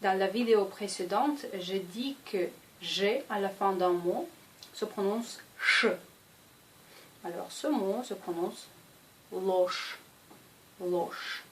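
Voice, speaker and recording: Very slow-paced woman language teacher. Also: mid-range voice, slight background noise, rough recording. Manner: slow, deliberate, repeats each example word. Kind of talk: language lesson.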